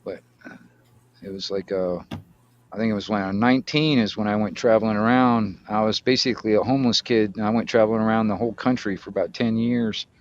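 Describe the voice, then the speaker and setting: A middle-aged American man from Florida chats casually, telling stories in a rambling, hesitant way full of slangy, mildly profane wording. His voice is on the low side with a steady tone, and he talks fast. The recording sounds muffled.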